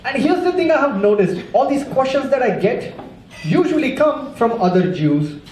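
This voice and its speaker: Guy doing standup, kinda high voice, chatty and wry, echoey club w/ crowd noise. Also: big pitch swings, normal speed. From India. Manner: wry, conversational, acts out voices. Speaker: stand-up comedian. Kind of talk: stand-up comedy routine. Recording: roomy club with audience noise.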